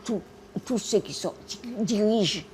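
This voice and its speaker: A woman's voice: medium pitch, mellow, slight background noise. A 100-year-old woman from Guiana, recalling the war in an interview. She stammers and repeats herself, then drives her points home with emphatic exclamations. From French Guiana. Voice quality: gravelly. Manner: halting and repetitive, stammering over words; emphatic, with sound effects and defiant exclamations. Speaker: interviewee, war veteran and retired teacher. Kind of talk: spoken war memories in an interview.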